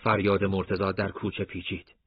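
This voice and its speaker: A man narrating a war story in a steady, measured reading voice. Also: sits low, slightly rough, no echo, muffled recording.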